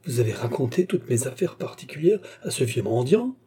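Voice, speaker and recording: A man reading aloud, voicing an earnest, sulky young gentleman in a dark, husky voice. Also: medium pitch, sing-song, brisk, full character voice. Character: young gloomy, impulsive gentleman in love.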